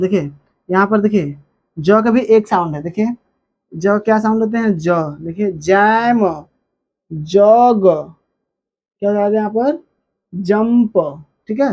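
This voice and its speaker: A woman teaching a phonics lesson, repeating example words slowly with stretched emphasis. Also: mid-range voice, darkish tone, lo-fi sound.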